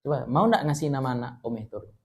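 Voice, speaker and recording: A man's voice: mid-range voice, fast talker. Joking Minangkabau-accented male preacher. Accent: Minangkabau Indonesian. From West Sumatra. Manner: lively, joking, explains Arabic terms. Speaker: Islamic teacher. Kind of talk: religious study lecture.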